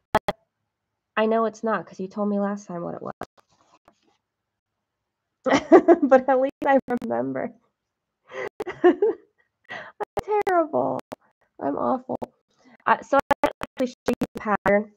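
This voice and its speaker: Slow gravelly woman chatting while stitching. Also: mid-range voice, lo-fi sound. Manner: chatty, self-deprecating, talks to viewers while counting stitches. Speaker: cross-stitch livestream host. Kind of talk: casual stitching livestream chat.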